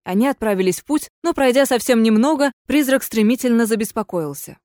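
A woman reads a story aloud as an audiobook narrator. Her voice sits fairly high and she narrates expressively. The recording is dry and close, with no echo. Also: animated, a little fast, darkish tone. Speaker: audiobook reader.

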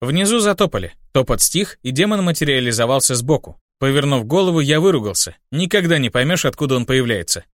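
A male narrator reading a first-person story in a steady, even storytelling manner. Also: mid-range voice, fairly quick, hardly any pauses, no room sound, clean studio sound. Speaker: audiobook narrator.

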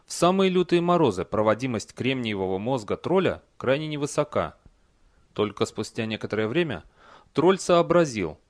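Guy reading a fantasy audiobook, measured, even narration. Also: mid-range voice, no room sound, clean studio sound. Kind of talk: scripted narration.

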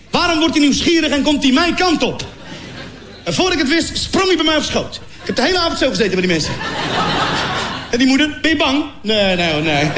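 A man's voice: extremely high pitch, fairly bright tone, a little hiss or hum. A man from Morocco telling a stand-up comedy story, acting out scenes with sound effects and mock voices.

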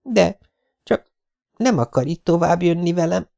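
A man's voice: high voice, animated, gravelly, warm tone, pitched above the performer's own voice. A man voicing a nervous young woman who hesitates and stammers. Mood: flustered.

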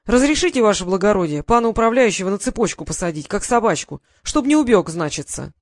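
A man voicing a rough, hot-tempered soldier grenadier with coarse folksy speech, loud and jumping high in pitch. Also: lively intonation, fast, no echo, clean studio sound. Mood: gruff, folksy.

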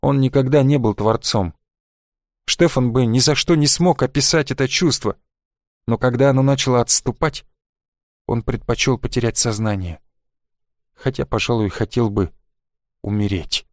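Measured male audiobook narrator, dry sound. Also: mid-range voice, dry recording. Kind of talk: scripted narration.

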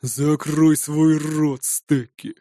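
A fierce viking warrior growls his words low and slow, played by a male audiobook narrator. His menace is heavy and deliberate. The recording is dry and close. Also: darkish tone, dry recording. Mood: growling.

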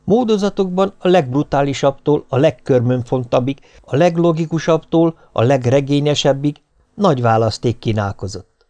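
A man's voice: medium pitch, darkish tone. Man narrating a story with dry irony. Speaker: audiobook narrator. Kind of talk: scripted narration.

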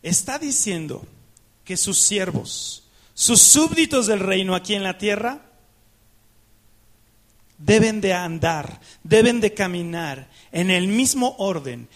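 Male pastor, high-pitched, emphatic, questions the congregation. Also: animated, slow pace, pauses often. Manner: acts out dialogues with God in prayer. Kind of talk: sermon.

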